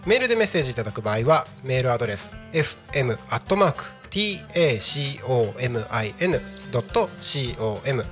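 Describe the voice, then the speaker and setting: A man's voice: mid-range voice, very animated, fast, hardly any pauses, a bit bright. Polite male radio host over music. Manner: polite, apologetic announcer patter. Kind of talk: live community radio hosting.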